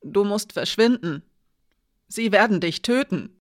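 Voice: medium pitch, animated, unhurried, close to an everyday voice. A reader voicing Alina, a shaken young woman warrior. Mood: urgent. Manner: urgent, then quiet and defeated. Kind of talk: audiobook character reading.

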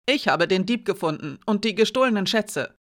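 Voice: mid-range voice, normal speed, sharp tone. An audiobook reader voicing an indignant young woman soldier who stands her ground. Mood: defiant. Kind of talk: audiobook character voice.

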